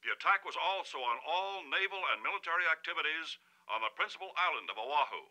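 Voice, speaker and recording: A 1940s newsreel announcer. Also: male voice, a little high, animated, quick pace, bright, forceful tone, rough recording. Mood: urgent. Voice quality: formal announcer delivery. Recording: old radio and newsreel audio with music.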